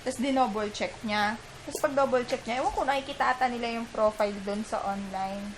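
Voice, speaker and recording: A high-pitched young Filipina mother chats straight to her camera, giggling and wandering through a story as she goes. She talks loosely, like a friend who keeps losing her thread. There is a steady hiss of room noise behind her. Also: brisk. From Philippines. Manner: chatty, giggly, rambling. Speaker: mom vlogger. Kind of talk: casual storytelling vlog. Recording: noisy room ambience.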